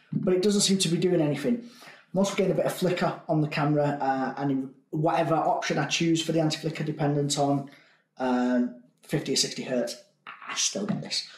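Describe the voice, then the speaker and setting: This product demonstrator's voice is a little high, and he rambles through a casual gear demo, thinking aloud with lots of ums and uhs. Conference room device mics at shifting distances capture him in an echoey meeting room around a large table.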